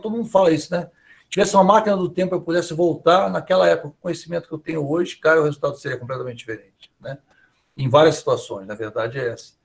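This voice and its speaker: A university professor with a Brazilian Portuguese accent and a slightly high, gravelly voice gives an online class lecture. He keeps things chatty and conversational, often ending sentences with small check-in questions.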